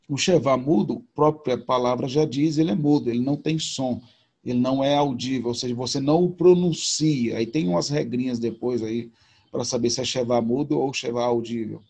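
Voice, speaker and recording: A man's voice: medium pitch, gravelly, darkish tone, husky. A man teaching a recorded video lesson, explaining patiently and informally with repetition. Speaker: Hebrew teacher.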